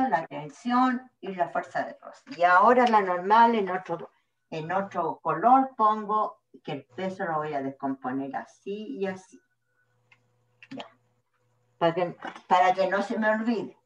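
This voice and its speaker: A woman's voice: medium pitch, expressive, slow pace. A woman with a Chilean accent, teaching physics step by step to a class. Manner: patient, step-by-step explaining. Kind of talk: classroom lecture at the board. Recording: echoey room, distant mic, dull sound.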